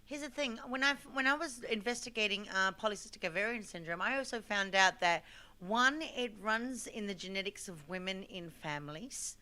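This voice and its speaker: Animated bright-voiced woman hosting a chat. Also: medium pitch, moderate pace. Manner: animated, repeats herself, laughs easily. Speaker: show host. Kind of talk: casual live call-in chat.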